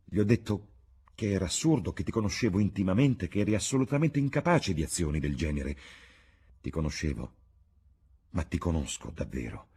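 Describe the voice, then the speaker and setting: A man's voice: sits low, lively intonation, fairly quick, warm tone, husky, full character voice. A man reading the part of a troubled painter confronting his friend in an audiobook, earnest and pleading. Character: grave, troubled painter, older male friend.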